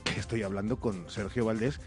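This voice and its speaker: A man's voice: lowish voice, fairly even intonation, a little fast, music in the background. Playful Castilian male radio host. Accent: Castilian Spanish. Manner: playful, teasing, theatrical. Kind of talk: live magazine show presenting and banter.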